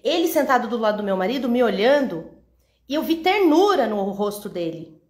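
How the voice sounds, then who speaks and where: Brazilian woman teaching bible stuff, acts out the voices, kinda high voice, echoey room. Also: brisk. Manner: lively storyteller who acts out the dialogue; talks straight to a women's audience. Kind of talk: Bible teaching with personal story.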